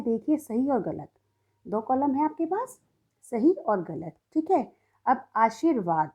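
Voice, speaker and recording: A woman's voice: fairly high pitch, warm tone, poor audio. A young woman teacher giving a recorded grammar lesson to schoolchildren, explaining step by step and often checking in.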